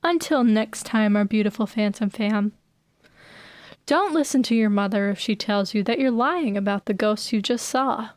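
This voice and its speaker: A woman's voice: mid-range voice, moderate pace, no room sound. A young woman co-hosting a podcast from home, chatting casually and playfully, joking and laughing. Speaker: podcast co-host. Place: home bedroom.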